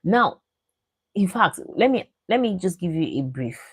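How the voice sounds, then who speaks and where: Low-voiced Nigerian woman commenting. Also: very animated, measured pace, husky, no room sound. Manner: chatty, opinionated, slips into pidgin. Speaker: reality show commentator. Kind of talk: casual commentary.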